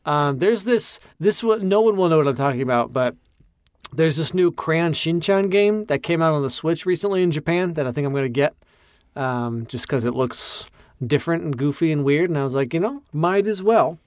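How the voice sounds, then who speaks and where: A man's voice: fairly high pitch, moderate pace, a little mellow, smooth, no room sound, studio quality. A man co-hosting a podcast with casual, rambling, joking banter. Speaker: podcast co-host.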